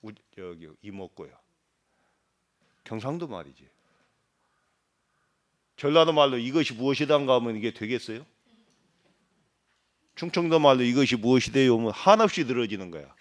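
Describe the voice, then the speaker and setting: At a moderate pace with frequent pauses, a middle-aged monk gives a dharma talk in a very animated, medium-pitched voice. He asks his audience questions, imitates regional dialects, and shifts between loud emphasis and quiet remarks.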